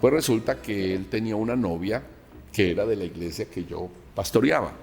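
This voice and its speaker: A lower-pitched man, a pastor from Colombia, tells his testimony and animatedly acts out each exchange. A long reverb hangs behind his voice, with faint music underneath. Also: fairly quick, gravelly. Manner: animated storyteller acting out dialogue. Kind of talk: recounting a personal testimony.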